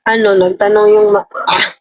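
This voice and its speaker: A woman's voice: mid-range voice, flat delivery, moderate pace, dull audio. A young woman with a Filipino accent, chatting casually on a livestream and rambling as she answers viewers' comments. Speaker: livestream host.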